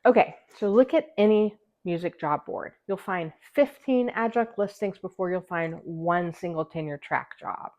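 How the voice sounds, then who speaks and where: A woman speaks with the slight lisp of someone wearing a retainer. Her voice sits a little low as she delivers scripted, encouraging advice in an emphatic vlog-host style. The recording is slightly dull and lo-fi. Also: unhurried, few pauses, darkish tone. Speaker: host, music teacher and musician.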